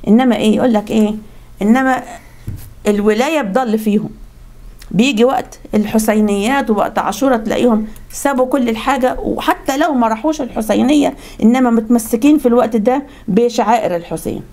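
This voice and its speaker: A woman's voice: on the high side, mellow. A woman with an Egyptian accent giving a conversational religious talk, telling stories and often restarting her words. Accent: Egyptian Arabic. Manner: fast, conversational, frequent restarts. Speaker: religious speaker.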